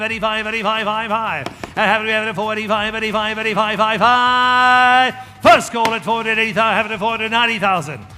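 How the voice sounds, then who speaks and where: A man working as an auctioneer, rattling out repeated numbers and calls in a rapid chant to urge bidders on. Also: sits high, pushed and bright, slight background noise. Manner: rattling, repetitive calling, urging bidders. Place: large auction hall. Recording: echoey hall PA with background music.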